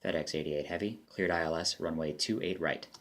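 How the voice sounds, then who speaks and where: A man's voice: low-pitched, fairly quick, fairly bright tone. A man speaking as an air traffic controller, mixing clipped phraseology with casual commentary. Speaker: air traffic controller player and demo narrator.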